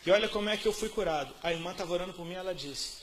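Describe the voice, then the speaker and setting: A man with a Brazilian Portuguese accent preaching a sermon, telling his testimony in casual slang with lots of repetition, dropping to soft murmurs and rising to loud outbursts. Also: sits high, racing, a little hiss or hum.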